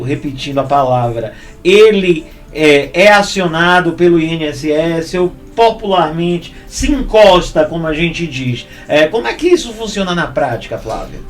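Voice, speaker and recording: A man's voice: on the high side, far from the mic. A man co-hosting a radio interview, asking questions hesitantly and searching for words. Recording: voice set back from the mic.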